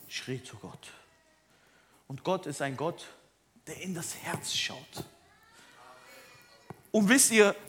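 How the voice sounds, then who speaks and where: A man preaching a sermon, dropping to hushed near-whispers and rising to loud, emphatic questions. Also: on the high side. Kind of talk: sermon with soft piano. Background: soft instrumental music.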